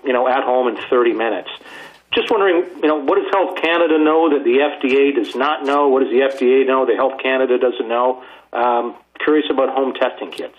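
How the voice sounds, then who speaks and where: A man, a reporter on a speakerphone line, asking questions at a press conference in a halting, polite way. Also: medium pitch. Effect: heard over a speakerphone line. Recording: muffled phone line from home office.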